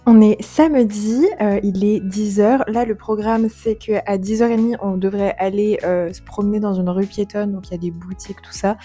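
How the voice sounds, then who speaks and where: A young woman chatting casually to camera on her book vlog, filling her talk with fillers and quick self-corrections. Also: medium pitch, steady tone, warm tone, soft background music. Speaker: book vlogger. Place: holiday home on vacation.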